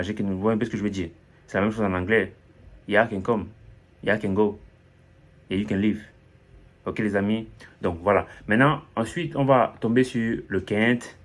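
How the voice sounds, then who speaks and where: A man giving a casual pronunciation lesson, chatty, repeating example phrases and asking for agreement. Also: fairly low pitch. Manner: chatty, repeats example phrases, says "n'est-ce pas" often. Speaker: English pronunciation teacher.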